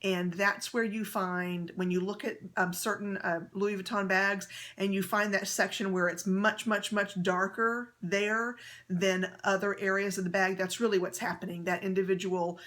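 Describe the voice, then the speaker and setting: A woman's voice: mid-range voice, little pitch movement, normal speed, fairly bright tone. A woman hosting her own vlog, talking casually to camera in a chatty, friendly way, with many fillers and restarts as she explains things. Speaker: handbag vlogger. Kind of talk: casual how-to talk to camera.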